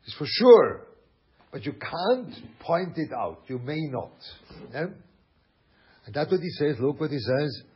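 A man's voice: fairly high pitch, very animated, measured pace, muffled recording. A man from Switzerland teaching a Torah class, talking animatedly, repeating phrases and mixing in Yiddish and German words. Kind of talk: Torah lecture.

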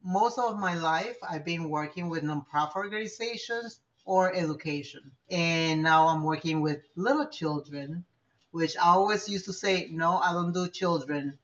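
A middle-aged community organizer, born in New York and raised in Puerto Rico, chats casually as a guest on a podcast and laughs often. Her voice is fairly low, at normal speed. The lo-fi audio sounds slightly dull.

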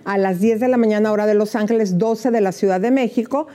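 A woman's voice: medium pitch, fairly quick, mellow. A woman co-hosting a gossip show, chatting affectionately with her co-host. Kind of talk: casual chat.

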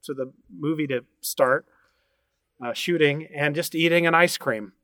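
A man, a podcast guest, telling an anecdote at an unhurried pace with frequent fillers. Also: a little high, sharp tone, no echo. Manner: unhurried storytelling with many uh fillers.

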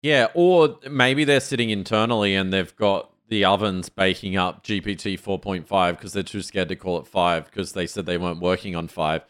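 A man co-hosting a podcast, speaking in a relaxed, measured way in casual conversation. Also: low voice. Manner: relaxed, measured, reads out quotes. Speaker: podcast co-host. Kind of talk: casual tech chat.

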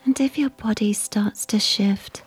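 A woman whispering a slow, soothing guided sleep meditation. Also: mid-range voice, husky. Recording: soft music behind.

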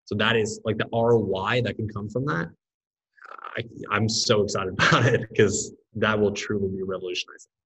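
A man's voice: lowish voice, moderate pace, fairly bright tone, slightly rough, poor audio. A man from Norway, a startup founder, talking earnestly and enthusiastically in a podcast interview.

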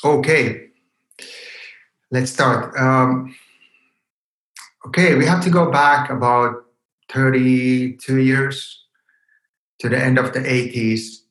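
A Finnish man in his fifties with a Finnish accent, a yoga teacher, is a guest in an unscripted podcast interview. His medium-pitched, slightly bright voice keeps a fairly even intonation as he speaks slowly, pausing long and hesitantly searching for words. A roomy echo colors the recording.

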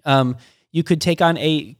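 In clean studio sound with no room ambience, a fairly high-pitched middle-aged man speaks. A pastor, he works through ideas in casual teaching talk, halting and frequently stammering and restarting.

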